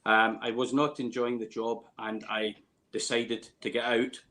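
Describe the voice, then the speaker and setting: A man's voice: mid-range voice, flat delivery, measured pace, bright, forceful tone. A man in his late fifties from Scotland with a Scottish accent, chatting casually in an interview in a hesitant, rambling way, repeating words as he goes. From Scotland, near Glasgow. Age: late 50s. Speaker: distillery warehouse tour guide.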